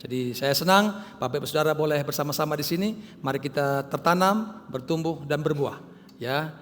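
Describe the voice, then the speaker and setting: A man's voice: on the high side, fairly quick, a little hiss or hum. Man preaching in a reverberant hall. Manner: lively preaching, swinging from loud calls to quiet asides. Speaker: pastor. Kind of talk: sermon. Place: church hall.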